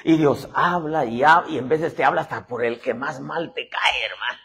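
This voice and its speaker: An apostle preaches a sermon with animation, acting out voices and constantly calling his listeners "hermano." His mid-range voice moves at a moderate pace, creaky with a breathy edge.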